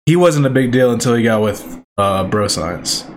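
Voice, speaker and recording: A man's voice: medium pitch, expressive, normal speed, a little hiss or hum. A young man co-hosting a podcast, rambling casually and saying "bro" a lot. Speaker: podcast co-host. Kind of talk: casual chat.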